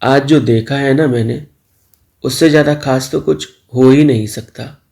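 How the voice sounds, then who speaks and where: A cheeky young milkman in a spoken storybook, as a man reads him, teasing and playful. The voice sits low and mellow with a gravelly fry running through it. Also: fairly even intonation, unhurried. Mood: bashful. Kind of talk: storybook dialogue.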